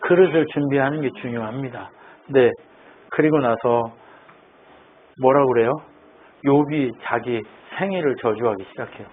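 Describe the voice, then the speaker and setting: A man's voice: mid-range voice, normal speed, pauses often, breathy edge. A man preaching a sermon as pastor, asking the congregation questions and answering them himself. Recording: tinny phone-like line with faint noise.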